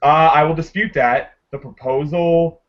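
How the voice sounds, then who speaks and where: A man's voice: fairly high pitch, a little slow, a crowd in the background. A man co-hosting a podcast, telling stories animatedly in casual chat. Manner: animated storyteller, breaks in to make points. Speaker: podcast co-host. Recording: dull lo-fi sound.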